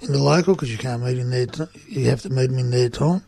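Very gravelly, blunt Australian man. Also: medium pitch, quick pace, dark tone. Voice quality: gravelly, rough. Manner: blunt, colloquial storytelling. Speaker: union organiser reporting on site visits. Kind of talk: casual radio chat. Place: community radio studio.

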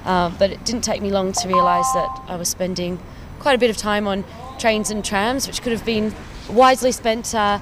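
A cycling campaign officer in her thirties from Perth, Western Australia, tells her own story to camera on a city street. Her Australian-accented voice is medium-pitched and fairly even at a normal speed, and she sounds chatty and enthusiastic, with small laughs over background noise.

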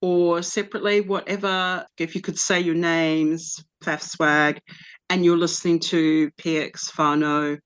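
A woman's voice: fairly low pitch, little pitch movement, measured pace, smooth. A woman hosting a casual radio interview in a rambling, informal, self-deprecating way. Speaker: radio host. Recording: slightly dull, lo-fi sound.

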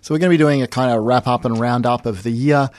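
A man's voice: mid-range voice, fast talker, a little mellow, no room sound. A man casually hosting a radio show from a studio.

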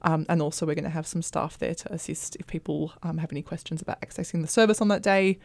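A woman's voice: low-pitched, fast, gravelly, darkish tone, no room sound. A woman explaining her work as a housing support worker in a casual, slightly tentative studio interview. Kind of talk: casual radio interview talk. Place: radio studio.

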